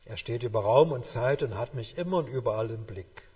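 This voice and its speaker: A man preaching a sermon, with emphatic, slow, weighty phrasing that drops to hushed endings. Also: medium pitch, animated, husky. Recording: long hall reverb.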